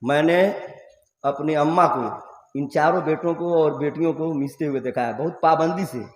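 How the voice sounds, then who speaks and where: A man's voice: on the high side, fairly even intonation, moderate pace. A man with a Bhojpuri-influenced Hindi accent preaching an emotional sermon at a mosque gathering, telling stories and asking the crowd questions. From eastern Uttar Pradesh, India. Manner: emotional storytelling, asks the audience questions. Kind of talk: religious sermon at a public gathering. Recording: reverberant hall through a PA.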